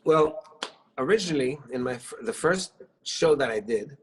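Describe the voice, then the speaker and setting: A middle-aged Israeli-born man, Hebrew being his first language, joins a video call from his living room as a singer-songwriter guest. His medium-pitched voice is animated and normally paced, with a little hiss or hum behind it, and his warm storytelling is hesitant, full of restarts and fillers.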